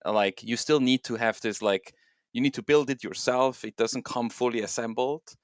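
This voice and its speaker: In a clean studio recording with no echo, a middle-aged man from Switzerland appears as an interview guest, speaking at a normal speed in a mid-range voice. A software engineer and home miner, he comes across as thoughtful and relaxed, leaning on many fillers.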